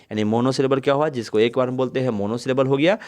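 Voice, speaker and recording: A male teacher giving a grammar lesson in a mid-range voice. He keeps posing questions and answering them himself, and he slows right down to stretch out words syllable by syllable. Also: medium pitch, a little mellow.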